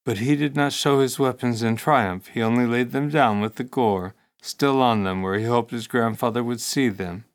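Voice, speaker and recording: Steady male audiobook narrator. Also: medium pitch, normal speed, few pauses. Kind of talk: scripted narration of a classic text.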